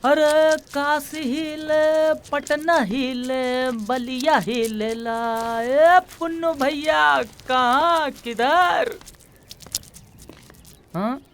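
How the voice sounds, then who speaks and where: An actor playing a folksy village friend who coaxes and advises. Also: male voice, a little high, darkish tone, a little hiss or hum. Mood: coaxing. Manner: coaxing, folksy, drawn-out calls. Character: village fixer friend, man, folksy and coaxing. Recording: film soundtrack with background music.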